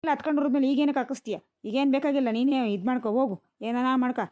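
A woman plays a cartoon village matriarch, an older woman with a rural Karnataka Kannada accent who scolds, laments and curses. Her voice sits high and rattles along quickly. The sound is dry and dull, a little lo-fi. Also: no room sound, lightly acted. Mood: scolding. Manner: scolding, lamenting, cursing loudly. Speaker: mother-in-law and wife in a cartoon household. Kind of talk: cartoon voice acting.

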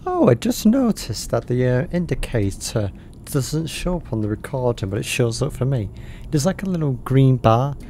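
Gravelly, animated man playing a game. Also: mid-range voice, moderate pace, a little hiss or hum. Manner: rambling, easily startled, swears. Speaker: gamer playing a horror game. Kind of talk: casual let's-play commentary. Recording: game music loud behind him.

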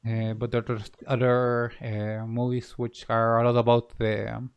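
Smooth-voiced man. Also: mid-range voice, completely flat delivery, measured pace, dull audio. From Chile. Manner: laid-back, hesitant with many fillers. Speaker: game developer. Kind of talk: casual live-stream chat.

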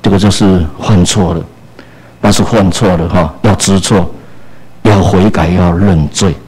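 A man preaching a sermon, animated and full of small fillers. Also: sits low, a little slow, breathy edge, poor audio.

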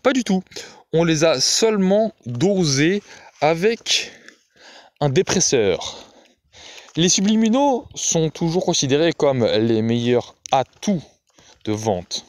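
A man's voice: fairly high pitch, sing-song, slow, pauses often, no room sound, pitched above the performer's own voice. A man reading aloud and voicing Fay, an earnest, condescending technocrat who explains in a lecturing, matter-of-fact way. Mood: dismissive.

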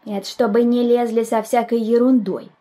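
A woman's voice: fairly high pitch, fairly even intonation, moderate pace, dark tone, lightly acted. A woman voicing a nervous schoolboy who argues with agitated indignation. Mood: indignant. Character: nervous dark-haired schoolboy arguing hotly.

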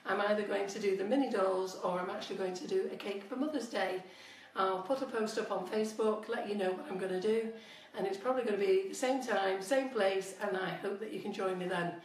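A talkative woman in her fifties, a cake decorating tutor, shows viewers how to pipe a cake on a live stream from her home kitchen, speaking briskly with hardly any pauses. A cold gives her voice a slight squeak. The distant phone recording is echoey, and she frequently moves off-mic.

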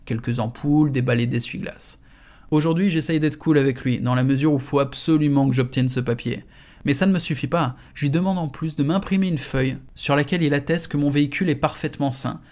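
A man's voice: on the high side, a little fast, a little mellow. A man reading a novel aloud in the first person, in a casual, slangy storytelling manner. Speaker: audiobook reader.

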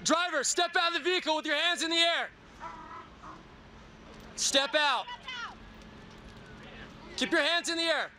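A man working as a sheriff's deputy, shouting firm, clipped commands over a police car loudspeaker with a siren. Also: very high-pitched, unhurried, pauses often, a little hiss or hum. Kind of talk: shouting commands at a felony traffic stop.

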